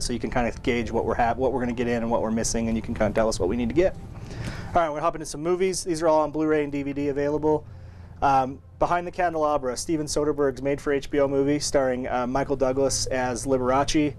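A man's voice: medium pitch, steady tone, fast talker, darkish tone, a little hiss or hum. A man hosting a casual weekly store update, talking loosely about new movie releases with fillers and restarts. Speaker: record store host.

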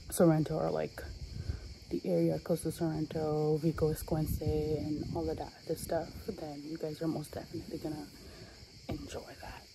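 A young woman who vlogs her travels sits low in her register as she talks to a phone held at arm's length outdoors on a sunny hillside villa terrace. She's chatty, constantly dropping y'all and like, though her voice is turning hoarse. Background noise runs through the clip.

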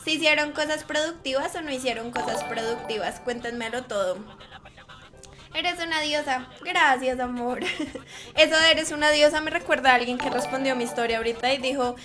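A young woman, a high squeaky voice, chatting and teasing as she reads her live-stream chat aloud. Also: normal speed, music in the background.

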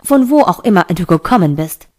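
A woman reading the lines of a calm, questioning male angel in a fantasy audiobook. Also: fairly low pitch, brisk. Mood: probing.

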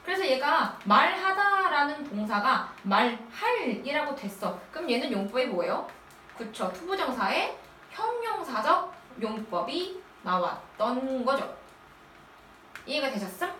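A woman teaching middle school English in a recorded lecture. She asks quick questions and answers them herself, going through the material step by step. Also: high-pitched, sing-song, sharp tone, recorded from a distance, slight background noise. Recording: echoey room, voice off-mic.

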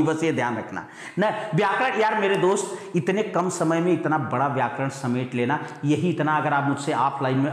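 A male teacher drills his students with question after question, fondly calling them "beta". He stretches each example sentence out word by word so no one can miss it. His voice booms around a very echoey room with a long, ringing reverb. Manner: slows right down to spell out example sentences. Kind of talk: online exam-prep grammar lesson.

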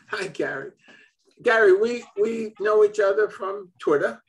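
A host in his seventies from Brooklyn, New York, chats casually on a video call from his home office, chuckling often. His voice is high and his pace measured, though the audio is poor.

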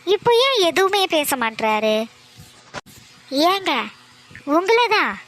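A woman voicing a shy, sulky young newlywed wife in an animated cartoon. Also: extremely high pitch, slow pace, exaggerated voice. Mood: grumbling. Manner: sulky, pleading.

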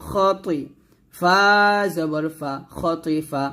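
In a slow, spelled-out recitation lesson, a man with a Bangladeshi accent teaches Quran reading by naming each Arabic letter with its vowel mark and then blending the syllables into words. His fairly high voice is bright and forceful, and he draws his words out.

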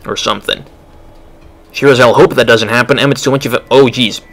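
A man's voice: medium pitch, fairly even intonation, a little fast, a bit bright. A man giving casual, wry commentary as he plays a video game. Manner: offhand, wry. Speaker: let's play commentator. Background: game music.

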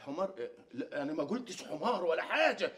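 A man's voice: a little high, lively intonation, fast talker, fairly bright tone. A man with an Egyptian Arabic accent playing a teasing, scolding doorman in a sitcom. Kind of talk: sitcom acting.

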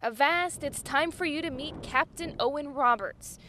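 A woman's voice: sits high, normal speed, pushed and bright, a little hiss or hum. A woman TV news reporter narrating an upbeat feature, playful and sprinkling in pirate phrases.

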